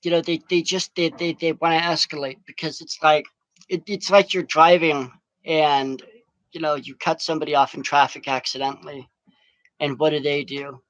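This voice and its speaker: High-voiced man ranting with heavy profanity. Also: flat delivery, moderate pace, fairly bright tone, no room sound, poor audio. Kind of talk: rambling vlog monologue. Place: outdoors in strong wind.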